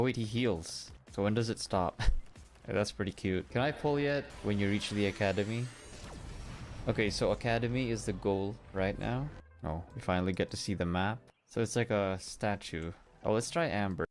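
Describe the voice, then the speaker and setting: A man's voice: lowish voice, moderate pace, soft background music. A man doing casual let's play commentary, thinking aloud in a puzzled, playful way. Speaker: gamer playing a game for the first time.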